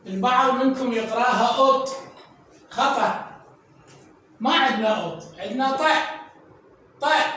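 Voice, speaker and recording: A man with an Iraqi accent teaching a children's reading lesson, drawing out syllables and repeating sounds slowly for learners. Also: very high voice, fairly bright tone, recorded from a distance, slight background noise. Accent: Iraqi Arabic. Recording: echoey room, voice from off mic.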